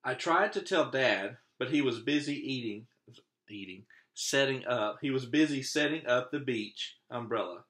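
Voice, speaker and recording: An elementary school teacher, a man with a medium-pitched, animated and slightly bright voice, reads a children's picture book aloud. He keeps stopping to make casual comments about the pictures.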